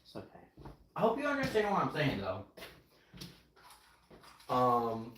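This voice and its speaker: Streaming from his home kitchen, this young man, a native Ukrainian/Russian speaker, chats casually with viewers while he cooks, wandering off topic and responding to chat in the middle of tasks. His medium-pitched, fairly bright voice swings hugely in pitch, and his pace is a little slow. The room is echoey, with a faint layer of noise.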